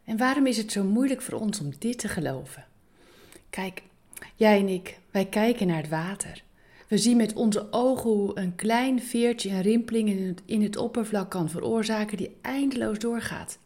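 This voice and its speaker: A woman of middle pitch speaks in an earnest, encouraging devotional talk. She turns questions to the listener and urges them on. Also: animated, normal speed, a little mellow.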